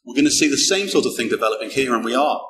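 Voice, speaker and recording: Speaking at a racing pace, a middle-aged conference presenter with a non-local British accent talks through a technical topic conversationally, repeatedly restarting and doubling back on words. His medium pitch carries lively intonation and a fairly bright tone. It's recorded indoors in a small, darkened event room, with echo and a faint hum.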